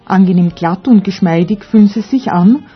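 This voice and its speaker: A woman's voice: medium pitch, normal speed, slightly rough. A woman narrating a scripted radio feature as a reporter. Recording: dull radio recording, faint music.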